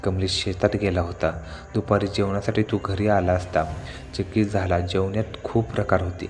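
A man narrating a scripted horror story in a steady, suspenseful manner. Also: sits low, normal speed, faint music behind.

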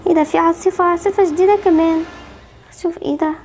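A woman's voice: very high-pitched, steady tone, rapid-fire, darkish tone, a little hiss or hum. A woman voicing Barbie, an anxious, protective young mother with an Egyptian accent, fretful and soothing in an amateur game movie. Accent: Egyptian Arabic.

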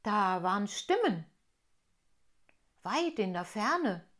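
A woman reading aloud, voicing a friendly, wise male water drop from a children's storybook in a raised, bright voice. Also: medium pitch, sing-song, slow.

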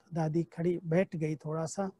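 A man's voice: on the high side, level tone, moderate pace, dark tone, slightly rough, dry recording. A man giving a spiritual class, telling personal anecdotes and recounting conversations from memory. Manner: storytelling, recounting dialogue from memory.

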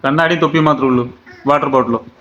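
A father gently needles his little one with question after question in casual vlog chat. His voice sits at an ordinary middle pitch. It bounces around a roomy home and comes through muffled, with steady noise behind. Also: quick pace. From Kerala. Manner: teasing, playfully quizzing a small child. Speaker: father and village vlogger. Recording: roomy, dull, noisy home recording.

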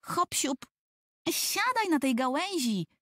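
A woman voicing a bossy, lively little village girl who gives commands and scolds. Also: high-pitched, slow pace, dry recording, studio quality, voice pushed up, heavily acted.

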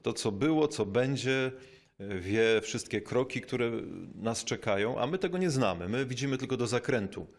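A man, a bishop, giving a reflective spiritual talk, thoughtful and unhurried, with frequent pauses and fillers, slowing down to stress key words. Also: medium pitch, lively intonation. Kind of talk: reflective spoken teaching.

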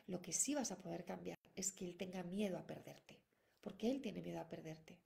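A woman's voice: on the low side, normal speed, vocal fry, dark tone. A middle-aged woman gives parenting advice in a solo talk, talking directly to her listeners and repeating her points. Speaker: parenting educator.

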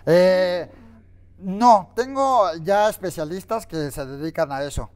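A man's voice: sits high, animated, slow pace, a little mellow, clear, resonant tone. A man playing a crude, boastful masked figure with a Mexican accent who calls himself a god, mocking and swearing in a comedy interview. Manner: swaggering, foul-mouthed, mocking.

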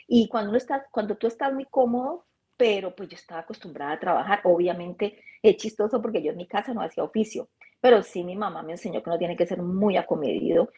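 A woman guest telling her story in a casual, animated way, acting out the dialogue of her anecdotes. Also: medium pitch, fast talker, slightly rough. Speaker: interview guest.

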